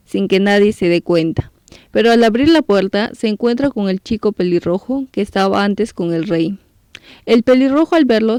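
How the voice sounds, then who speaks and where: A woman tells a manga story as a steady scripted recap. Her voice is mellow and warm. The recording is close and dry, with no room sound. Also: medium pitch, no room sound. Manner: steady, even storytelling read. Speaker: narrator of a manga recap channel.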